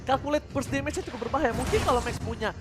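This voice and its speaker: Very high-pitched male esports shoutcaster. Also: very fast. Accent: Indonesian. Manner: emphatic, repeats names and catchphrases, mixes in English. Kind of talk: live play-by-play game commentary. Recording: broadcast commentary over music.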